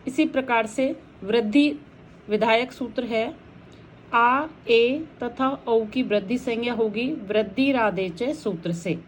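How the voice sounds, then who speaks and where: A woman teacher talks through grammar rules at an unhurried, deliberate pace, setting out one example after another. Her voice sits a little high. A faint hiss runs under the recording. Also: low-quality recording. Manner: slow, methodical explanation of rules with examples. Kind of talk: recorded lecture.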